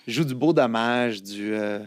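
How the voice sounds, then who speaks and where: His mid-range voice moves a little slowly in a clean, dry studio recording. The fiftysomething singer-songwriter, an Italian native speaker with a Québécois French accent, is a guest in a casual interview, recounting stories with many fillers and false starts.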